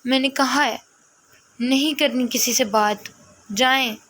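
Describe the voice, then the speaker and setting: A woman's voice: high-pitched, fairly even intonation, fairly bright tone. A woman voicing an upset young girl who refuses stubbornly through sobs. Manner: sobbing, stubborn.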